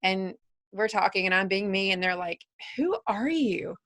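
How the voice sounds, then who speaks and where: A woman's voice: mid-range voice, lively intonation, moderate pace, a bit bright. A woman in her forties hosting a podcast, talking in an earnest, coaching way and probing her guest with questions. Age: 40s. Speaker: podcast host. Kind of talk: casual interview.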